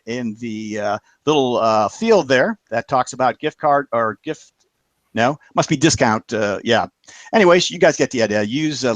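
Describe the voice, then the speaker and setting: A male show host closes out a web show with halting announcements full of fillers, warmly thanking the panelists and viewers. His voice sits in the mid range, and there's no room sound.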